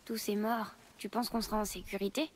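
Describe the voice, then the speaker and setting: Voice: medium pitch, level tone, fairly quick, in a large hall, natural voice. A performer playing an anxious, earnest young son in a video game, hesitant at times.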